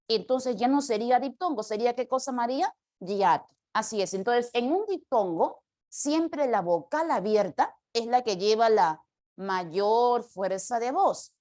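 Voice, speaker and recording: A woman's voice: a little high, darkish tone. A woman teaching a grammar class, explaining step by step and asking the students questions. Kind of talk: classroom lecture.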